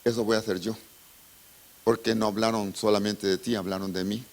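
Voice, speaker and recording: A man's voice: lowish voice, little pitch movement, brisk, pitched below the performer's own voice, natural voice. A man preaching voices God as a stern, fatherly judge who asks pointed questions. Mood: grave.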